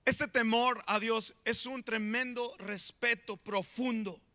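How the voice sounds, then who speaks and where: A man preaching a sermon in an animated way, swinging between loud and soft. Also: very high voice, slow pace. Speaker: pastor.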